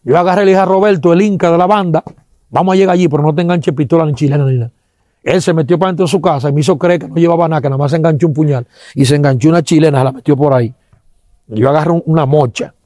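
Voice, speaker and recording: Dominican man, rapid lively storytelling, dark tone, dry close sound. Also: on the high side, dry recording. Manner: acts out sounds and quotes, religious exclamations. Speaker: interviewee giving a testimony. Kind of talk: animated storytelling testimony.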